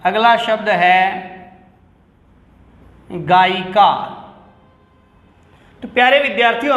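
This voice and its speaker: A man teaching a Sanskrit lesson to children, slowly saying each word and repeating it for the pupils. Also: sits high, fairly bright tone. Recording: echoey room with long reverb.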